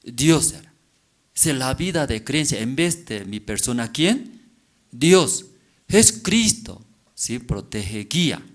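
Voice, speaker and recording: With a mid-range voice that swings widely in pitch, this male pastor delivers a sermon packed with rhetorical questions, repeatedly checking in with the congregation through a quick "mm?".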